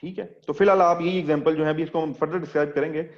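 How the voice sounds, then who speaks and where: A man's voice: fairly high pitch, steady tone, very fast. Man teaching in a lo-fi online class. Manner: explains step by step, quizzing students. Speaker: English teacher.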